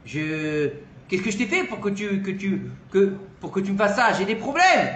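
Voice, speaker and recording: A frantic, pleading rabbi with a house full of daughters, as a storyteller puts him on. He talks emphatically and a little high, in a room with a noticeable echo. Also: sing-song, normal speed, fairly bright tone. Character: poor rabbi, pleading and frantic father of seven.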